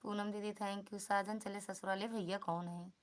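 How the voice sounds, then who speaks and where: A woman's voice: mid-range voice, level tone, normal speed. A woman with an Awadhi accent hosting a casual live stream, greeting viewers by name and asking them to support each other. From Uttar Pradesh, India. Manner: chatty, greets commenters by name, calls for support and returns.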